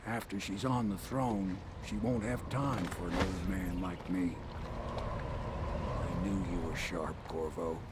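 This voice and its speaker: A gruff old fisherman and boatman in a video game, loyal and wistful. His aged voice is low and full of gravel, and he speaks plainly. Lapping water and boat noise run behind him. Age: older. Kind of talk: video game character dialogue.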